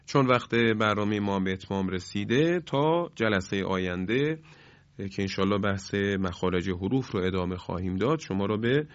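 A man teaching Quran recitation in a broadcast lesson, speaking politely and measured, stretching out example words slowly. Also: lowish voice, lively intonation, no room sound. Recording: dry, dull lo-fi broadcast sound.

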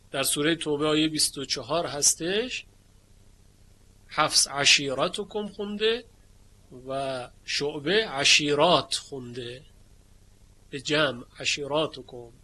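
A man lectures on variant readings of the Quran. He stops to chant single words slowly in a recitation tone. His voice is bright and forceful, set a little high.

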